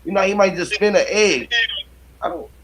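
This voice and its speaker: A middle-aged man hosts a late-night live stream with a fairly high voice. He rambles through loose, profane stories and laughs often. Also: normal speed. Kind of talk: late-night casual chat.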